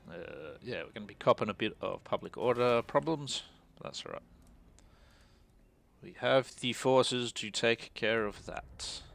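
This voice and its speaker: A man's voice: medium pitch, measured pace, vocal fry, fairly bright tone. A man streaming a strategy game, thinking aloud and muttering casual commentary as he plays.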